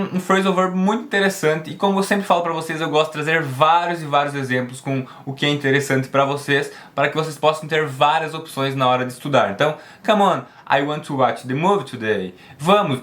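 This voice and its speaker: A man leads an online English lesson in a voice that sits a little high. He explains each point step by step and keeps checking that his listeners follow with a quick "ok?". For the English examples he slows down and stretches out each phrase. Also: a bit bright. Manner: switches to slow, drawn-out English for pronunciation demos. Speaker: English teacher.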